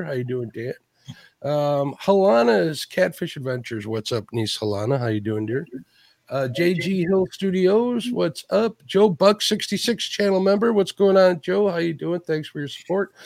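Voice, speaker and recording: A man's voice: a little high, no room sound. A man co-hosting a live fishing stream, chatting casually and greeting viewers by name.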